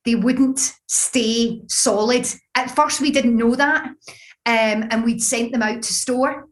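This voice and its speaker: Glaswegian woman with a higher-pitched voice. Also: takes it slowly. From Scotland. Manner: explanatory, illustrates points with examples. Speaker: business founder, interview guest. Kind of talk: conversational interview answers.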